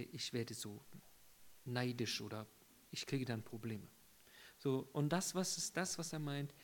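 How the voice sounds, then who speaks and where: A man giving a conversational Bible teaching, asking rhetorical questions and using everyday examples, with frequent hesitations and swings from loud emphasis to quiet, near-whispered asides. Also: mid-range voice. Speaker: preacher.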